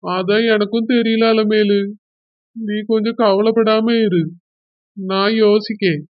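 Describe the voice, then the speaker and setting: A woman's voice: medium pitch, steady tone, slow, no room sound, muffled recording, close to an everyday voice. A woman playing a worried young husband. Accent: Kanyakumari Tamil. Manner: soothing, hesitant, repeats wife's name. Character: worried young husband, press shop owner.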